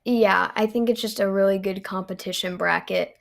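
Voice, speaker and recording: A young woman talks sports in an easygoing podcast chat. Her voice sits in a flat, narrow pitch band with a gravelly fry underneath. She keeps it loose, dropping plenty of ums and you knows. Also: moderate pace. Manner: relaxed, frequent "um" and "you know". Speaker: guest volleyball analyst.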